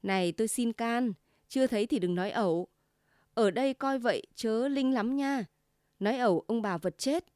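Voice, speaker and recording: A woman's voice: a little high, normal speed, a little mellow, no echo, clean studio sound, lightly acted. A woman voicing a hot-tempered middle-aged husband who smokes and lectures his wife, with a grumbling manner. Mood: warning.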